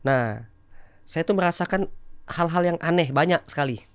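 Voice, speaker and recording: A man, telling his personal story candidly as a podcast guest and growing loud and emphatic at times. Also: a little high, normal speed, smooth, no echo, clean studio sound. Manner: animated, rising to loud emphatic bursts.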